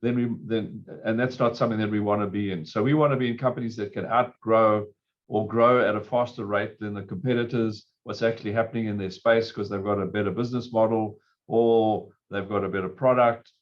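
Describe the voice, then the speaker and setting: A hoarse man, a fund manager, answering interview questions in a measured, explanatory way. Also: fairly low pitch, steady tone, highs cut off.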